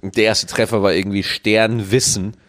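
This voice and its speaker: A man's voice: on the low side, flat delivery, moderate pace, fairly bright tone, no room sound, clean studio sound. A man co-hosting a podcast in casual, joking banter, with a speech impediment that keeps him from pronouncing R properly. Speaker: podcast co-host.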